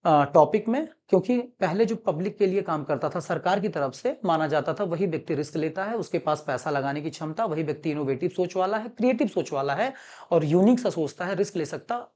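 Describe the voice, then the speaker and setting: A man's voice: fairly high pitch, a little mellow. A male commerce teacher from Allahabad gives a lecture. He repeats each point and calls his students "beta". He mixes English terms into his explanations. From Allahabad, India. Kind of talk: classroom-style lecture.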